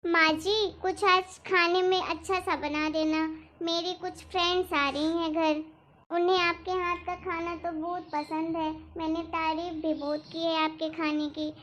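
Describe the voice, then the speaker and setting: A woman's voice: extremely high pitch, little pitch movement, a little slow, fairly bright tone. A woman voicing a proud, modern young daughter-in-law in a cartoon, who talks in a dismissive, smug way. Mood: sweet-talking. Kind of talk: cartoon voice acting. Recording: dull lo-fi recording.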